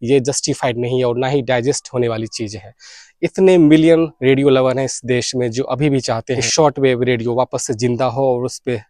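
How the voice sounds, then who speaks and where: Speaking fairly quickly in a steady, dark, mid-range voice, the Indian YouTube host and radio fan earnestly appeals for his campaign, blending English into his Hindi. The recording is dry and of studio quality.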